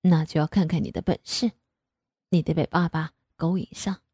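A woman voicing a middle-aged father in an audio story, soft-spoken and teasing, with a husky, lowered voice. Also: fairly even intonation, normal speed, dry recording, studio quality.

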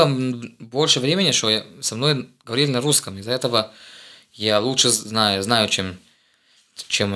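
In casual conversation, this guest—the host's eldest son—speaks in a low, bright voice, stopping and starting as he hunts for words. He is a young man from Israel whose first language is Hebrew.

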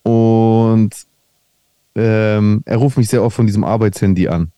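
A man's voice: fairly low pitch, steady tone, a little slow, warm tone, no room sound. A man chatting casually on a podcast, telling a meandering anecdote with lots of restarts. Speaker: podcast host.

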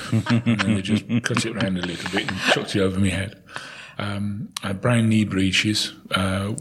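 An older English man with a husky voice, telling casual anecdotes in a chatty, jovial way as a podcast guest. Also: fairly low pitch, flat delivery, normal speed, background noise. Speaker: podcast guest, town crier and historical guide.

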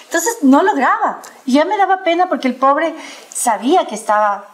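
A middle-aged woman chatting casually on a panel, telling a story in a lively way and often laughing as she talks. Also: sits high, normal speed. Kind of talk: casual chat.

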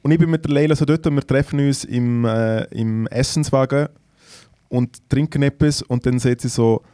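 Relaxed Swiss man in casual chat. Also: mid-range voice, normal speed, dry recording, clean studio sound. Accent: Swiss German. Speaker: comedian, podcast co-host.

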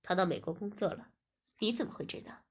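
A woman voicing a smug, teasing young man, reading him in a lowered, breathy voice. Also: animated, quick pace.

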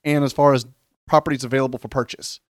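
Curious man questioning out loud. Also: mid-range voice, steady tone, fast talker, no echo, clean studio sound. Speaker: co-host. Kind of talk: casual podcast chat.

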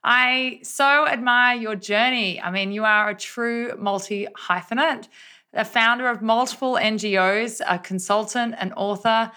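A woman's voice: on the high side, steady tone, a little slow, bright, forceful tone, clean tone. A woman hosting a podcast, introducing and interviewing a guest with enthusiastic praise. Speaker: podcast host.

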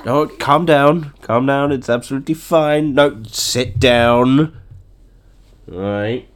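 A man with a mid-range voice talks slowly while hosting a casual solo podcast. His nose is blocked from a cold, and he stays chatty and jokey, chuckling often.

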